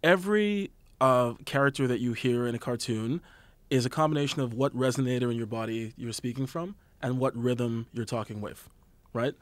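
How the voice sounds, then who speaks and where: A man's voice: mid-range voice, no echo. A man from Canada, an actor, talking casually in a studio interview and demonstrating character voices as he explains his craft. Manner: fast, animated, demonstrates voices while explaining. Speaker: actor and voice actor guest.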